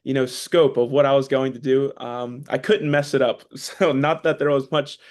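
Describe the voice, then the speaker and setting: Young man, 20s, mid-pitched voice, casual personal story, loose and chatty. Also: fairly even intonation, normal speed, a little mellow. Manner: chatty, self-deprecating, many fillers and restarts. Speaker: policy staff speaker.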